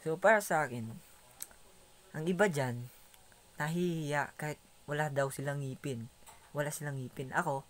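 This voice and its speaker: A man's voice: fairly high pitch, moderate pace, pauses often. A young Filipino man with missing front teeth, chatting casually as a vlogger into a phone held at arm's length in a small room. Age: young adult. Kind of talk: casual vlog chat. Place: small indoor room, plain walls.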